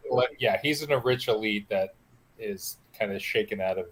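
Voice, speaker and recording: A man with a slightly low voice speaks his mind in a relaxed, blunt way. He reacts casually to others on a group call. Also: moderate pace, a little hiss or hum. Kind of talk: casual chat.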